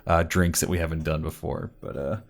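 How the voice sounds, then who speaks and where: A man's voice: a bass voice, level tone, fairly quick, creaky. A man co-hosting a casual podcast, chatting loosely and laughing easily while talking about drinks. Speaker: podcast co-host. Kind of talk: casual chat.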